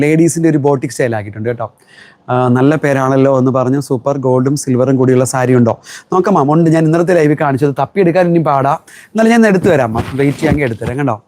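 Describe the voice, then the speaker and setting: Fast-talking man selling live. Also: mid-range voice, darkish tone, dry recording. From Kerala. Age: middle-aged. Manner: chatty, reads viewer comments aloud and answers them. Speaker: textile shop owner selling live. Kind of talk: live-stream product selling.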